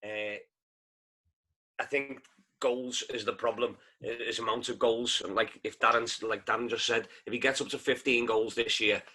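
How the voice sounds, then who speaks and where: A man's voice: mid-range voice, steady tone, moderate pace, bright, forceful tone, breathy edge, poor audio. A man chatting about football on a podcast in an easygoing way, often tagging questions onto his points. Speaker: podcast panelist. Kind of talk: casual football chat.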